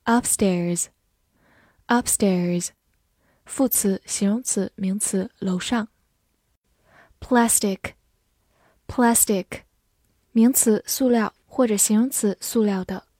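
Slow, mellow woman reading English vocabulary. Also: medium pitch, dry recording, clean studio sound. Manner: reads each word twice then gives part of speech and meanings. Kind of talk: slow vocabulary review lesson.

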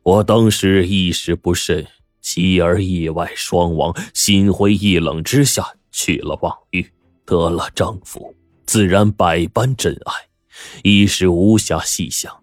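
A man's voice: low voice, steady tone, slow pace, no echo, studio quality, faint music behind. A man storyteller voicing a bitter, scornful rich old squire who speaks coldly and accusingly, in storytelling with acted dialogue. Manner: cold, mocking, accusing.

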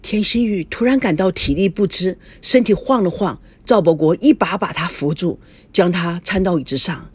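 A woman reading a novel aloud as a narrator, expressive and dramatic. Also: on the low side, normal speed, husky, no echo. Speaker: audiobook narrator. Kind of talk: storybook narration.

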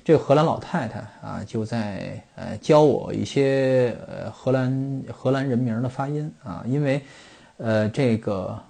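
A man's voice: mid-range voice, unhurried, vocal fry, dark tone. A middle-aged man from China hosting a football podcast, explaining things in a rambling monologue full of fillers and restarts.

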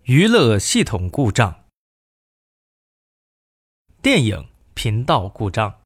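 Slow, lively-pitched male announcer. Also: slightly rough, no room sound, clean studio sound. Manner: measured, formal announcement delivery in two languages. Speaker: language course reader. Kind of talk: reading in-flight announcements aloud.

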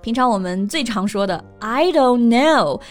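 A woman co-hosting a casual bilingual English lesson, spelling words letter by letter and slowing down on English examples. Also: on the high side, animated, faint music behind. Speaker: co-host of an English lesson podcast.

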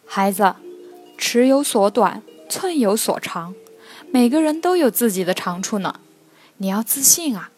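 A woman's voice: a little high, lively intonation, unhurried, a little mellow, faint music behind. A woman voicing a kind, patient mother goat in a children's storybook reading, speaking in a soothing, coaxing way.

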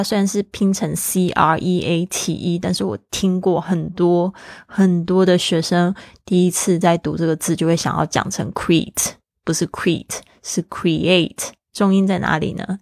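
Chatty woman teaching English, low voice. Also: gravelly, no room sound, studio quality. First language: Mandarin. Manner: chatty, explains slowly, repeats phrases for practice. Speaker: podcast host and English teacher. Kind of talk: casual podcast English lesson.

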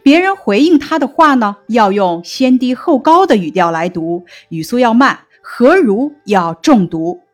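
A woman explaining a textbook lesson in a slow, measured teaching tone, lifting her voice on quoted classical lines. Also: on the high side, very animated, faint music behind.

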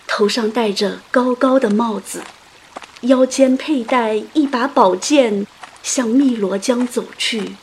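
A woman host narrating a literary story in a delicate, gentle, romantic manner. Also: on the high side, a little hiss or hum. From China. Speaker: audio program host and narrator.

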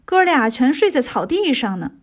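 A woman narrating a children's story with a lively, expressive delivery. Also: sits high, normal speed.

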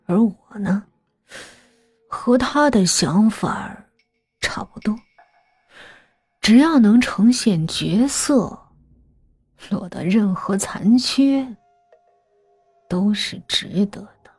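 A woman voicing a smiling, cruel older man who owns a mansion, speaking slowly, softly and with unhurried gloating. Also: mid-range voice, lively intonation, breathy edge, no echo, soft background music, voice pushed up. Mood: calm menace. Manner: slow, soft, gloating and unhurried.

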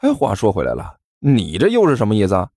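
A man's voice: fairly low pitch, huge pitch swings, fast talker, mellow, slightly rough, dry recording, studio quality, heavily acted. A man voicing a chubby, cheeky schoolboy who talks in a sly, teasing, sing-song way. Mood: bickering.

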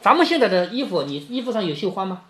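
A man's voice: sits high, big pitch swings, fast talker, sharp tone. A man reading a classic novel aloud to his daughter, retelling each passage in plain words and often checking with her with little questions. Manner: keeps checking with questions like "right?".

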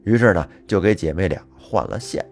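A man telling a folk tale in a lively, colloquial manner with plenty of fillers. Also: low-pitched, brisk. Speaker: storyteller. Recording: faint music behind.

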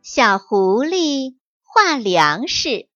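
A woman tells a bedtime story slowly and softly, her fairly high voice rising and falling in a lively storyteller's lilt. The recording is close and dry, with a dull, lo-fi sound. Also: music in the background. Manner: gentle, slow, sing-song storytelling.

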